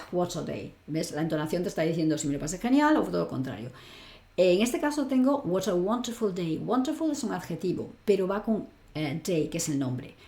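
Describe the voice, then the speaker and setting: A woman teaching an online English lesson, patiently explaining and reading example sentences slowly. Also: lowish voice, vocal fry, darkish tone, roomy sound.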